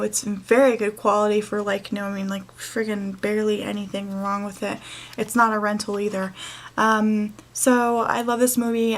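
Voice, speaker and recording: A young woman vlogger in casual chat, rambling and chatty, with many fillers and the odd swear. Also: medium pitch.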